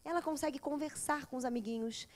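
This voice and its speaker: A woman, a therapist lecturing a class in a lively way, often acting out children and mothers. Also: sits high, fast talker. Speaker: teacher of a psychology course.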